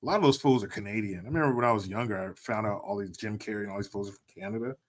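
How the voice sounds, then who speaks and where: A man's voice: lowish voice, rapid-fire. Laid-back joking male podcast host. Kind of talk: casual chat.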